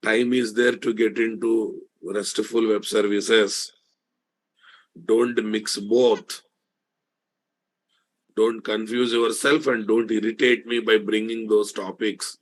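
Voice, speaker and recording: A man's voice: on the low side, level tone, a little slow, few pauses, poor audio. A man with a Telugu Indian accent lecturing live online as a programming instructor, repeating statements emphatically and checking in with rhetorical questions.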